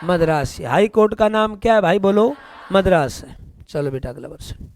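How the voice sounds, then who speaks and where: High-voiced Haryanvi teacher quizzing students. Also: male voice, expressive, moderate pace. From India. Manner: quizzing students, asks and answers his own questions; folksy, joking asides. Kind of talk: current affairs class for exam students.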